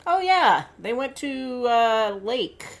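A woman's voice: on the high side, very animated, slow pace. Teasing, opinionated female podcast co-host. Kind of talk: casual chat recapping a dating show.

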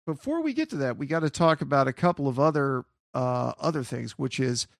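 A man's voice: medium pitch, expressive, a little fast, gravelly, no room sound, clean studio sound. A man co-hosting a podcast in casual chat, rambling with restarts and swearing. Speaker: podcast co-host.

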